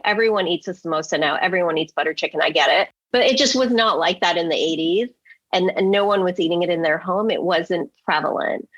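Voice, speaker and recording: A woman's voice: lowish voice, fairly bright tone, no echo, muffled recording. A woman in her forties from England, a marketing executive who talks through her past candidly and reflectively as an interview guest.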